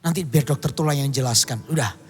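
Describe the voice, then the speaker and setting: A man's voice: medium pitch, brisk, slightly rough, in a large hall. A middle-aged man from Indonesia preaching a sermon, telling a personal story and breaking into song now and then. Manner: storytelling, bursts into song and shouts. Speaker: pastor.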